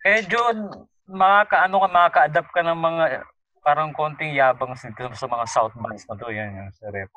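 A man's voice: fairly high pitch, normal speed, sharp tone, dull audio. A man co-hosting a casual group chat, talking in a hesitant, rambling way. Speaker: co-host.

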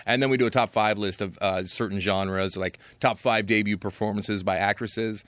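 A man co-hosting in a radio studio, talking in a wry, quick manner in casual chat. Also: fairly low pitch, steady tone, fairly bright tone, no room sound. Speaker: radio host and co-host. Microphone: studio microphone.

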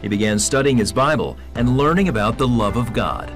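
A man reading scripted documentary narration in a measured, even way. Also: medium pitch, faint music behind.

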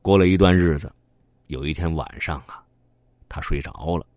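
A man telling a story to children in an animated, sing-song way, drawing out his words. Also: extremely low pitch, moderate pace, no room sound, clean studio sound.

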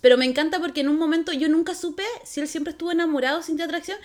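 A young Chilean woman chatting casually as a podcast co-host, animated, laughing and acting out her reactions. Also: high voice, rapid-fire. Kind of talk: casual chat.

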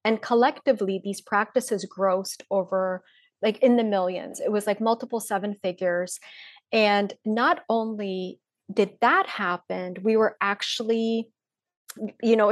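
A woman's voice: medium pitch, no echo, clean studio sound. A woman in her forties from Poland, a breathwork and mindset mentor, talking openly and reflectively as a podcast guest, with frequent fillers. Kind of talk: casual interview talk.

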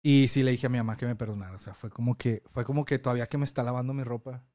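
A man's voice: medium pitch, steady tone, very fast, dark tone, no room sound, clean studio sound. A young man, co-hosting a casual podcast and telling a long rambling story with many fillers. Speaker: podcast co-host.

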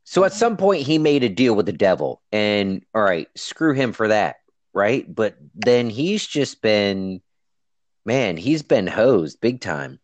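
A man co-hosting a podcast over an online voice call, chatting animatedly with quick reactions and frequent restarts. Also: lowish voice, big pitch swings, no room sound. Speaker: podcast co-host. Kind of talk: casual book discussion chat.

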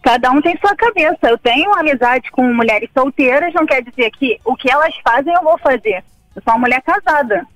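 Woman, radio caller, phone line, high voice, dry, blunt. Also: expressive, a little fast, a bit bright, no room sound, soft background music. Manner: blunt, firm opinions. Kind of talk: phone-in call.

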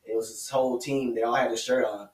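A man's voice: mid-range voice, fairly even intonation, fast talker, darkish tone. Guy co-hosting a racing podcast, stops and restarts a lot, sounds far off in an echoey room. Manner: hesitant, many fillers and restarts. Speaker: podcast co-host. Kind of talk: casual motorsport chat. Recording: roomy, distant mic.

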